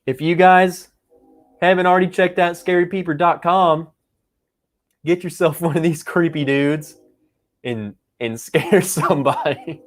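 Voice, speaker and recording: A man's voice: fairly high pitch, measured pace, faint music behind. A man hosting a casual live whiskey tasting, joking and rambling as he chats with viewers. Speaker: whiskey livestream host. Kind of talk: casual livestream tasting chat.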